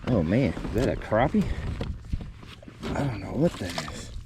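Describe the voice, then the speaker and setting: A man's voice: lowish voice, sing-song, a little slow, background noise. A man giving casual, folksy fishing commentary for his vlog, recorded outdoors in a kayak on a river.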